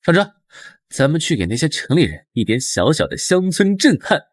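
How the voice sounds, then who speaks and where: A man's voice: a little high, very animated, moderate pace, dry recording, clean studio sound. A man voicing a laid-back young mechanic with a casual, unbothered manner, the lead of a motion comic. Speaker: lead character.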